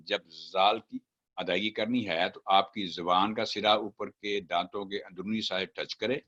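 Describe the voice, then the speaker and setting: A man's voice: on the low side, sharp tone, highs cut off. A man teaching Quran recitation, chanting example words syllable by syllable and then explaining the rules. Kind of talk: step-by-step recitation lesson.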